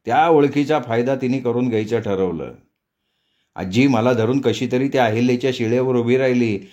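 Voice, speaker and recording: A man reads a novel aloud in a measured, steady storytelling manner. His voice sits at a middle pitch. The audio is dull and lo-fi. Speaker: audiobook narrator. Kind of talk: scripted novel narration.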